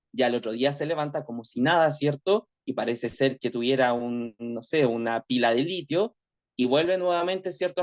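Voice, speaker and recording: A male teacher with a mid-range, darkish voice delivers an online class lecture in a reflective way, constantly checking in with tag questions. The audio is dull and lo-fi.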